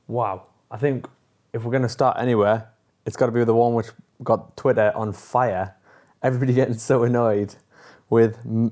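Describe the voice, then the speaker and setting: Man vlogger, low and mellow voice, loose and jokey, fillers everywhere. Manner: chatty and joking, with many fillers. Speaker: TV episode reviewer. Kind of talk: casual chat to camera.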